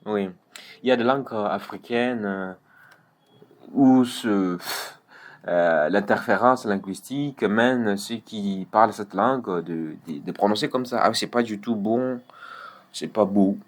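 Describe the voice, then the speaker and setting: A man teaching a public speaking lesson over a video call, explaining patiently with frequent pauses. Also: lowish voice. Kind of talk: online one-on-one lesson.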